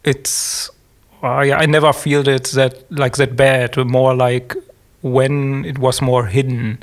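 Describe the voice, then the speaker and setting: A man from Germany with a German accent, a podcast guest who talks hesitantly and fills his pauses with "um" and "uh". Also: medium pitch, little pitch movement. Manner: hesitant, many fillers and pauses. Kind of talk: casual interview.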